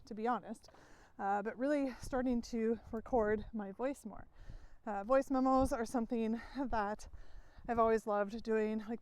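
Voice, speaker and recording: Walking outdoors and a bit out of breath, a middle-aged woman coaches for success in a loose, casual vlog full of fillers and little laughs. Her slightly high, slightly mellow voice sounds clean with no room sound, recorded on a headphone mic before switching to a phone mic.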